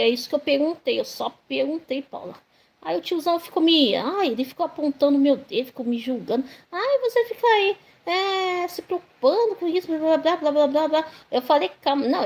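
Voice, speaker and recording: A woman's voice: on the high side, gravelly. A woman with a Brazilian accent, livestreaming and venting indignantly, rambling with many fillers and restarts. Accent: Brazilian Portuguese.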